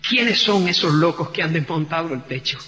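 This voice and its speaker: Passionate man pastor, Spain Spanish accent, dramatic storyteller, bright voice, faint hum in a reverberant church. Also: fairly high pitch, animated, moderate pace. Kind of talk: sermon.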